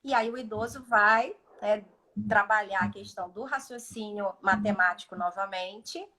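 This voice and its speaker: A woman's voice: medium pitch, moderate pace, sharp tone. A woman speech therapist explaining cognitive activities in a live video call, often acting out short dialogues with patients.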